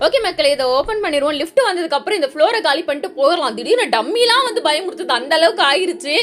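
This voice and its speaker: A woman hosting a gaming channel, giving excitable, jittery commentary on a horror game and talking straight to her viewers. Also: extremely high pitch, fast.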